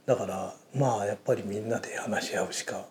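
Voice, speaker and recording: A man's voice: on the low side, brisk, a little mellow, a little hiss or hum. A man hosting a casual interview, musing aloud with lots of fillers. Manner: rambling, many fillers, thinks aloud.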